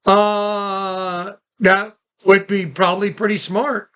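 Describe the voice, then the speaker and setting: A man's high, bright, smooth voice comes through a recorded phone call, delivered flatly and at a slow pace. Though his phrasing is casual, he insists urgently, repeating himself as he tells the others what to do.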